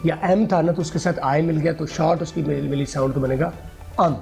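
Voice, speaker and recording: A man's voice: fairly high pitch, steady tone, fairly quick, creaky, a little mellow, faint music behind. A man teaching an English pronunciation lesson, patiently repeating words and phrases for his students.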